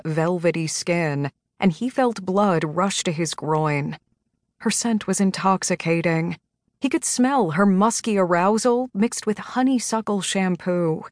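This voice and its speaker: A woman narrating a romance audiobook in an even, measured reading. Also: fairly low pitch, dry recording, clean studio sound.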